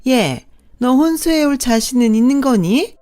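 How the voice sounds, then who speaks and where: A woman's voice: sits high, animated, unhurried, dark tone, pitched above the performer's own voice. A woman narrator voicing a haughty, scornful middle-aged mistress who sneers and talks down to people, with faint music behind. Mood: sneering.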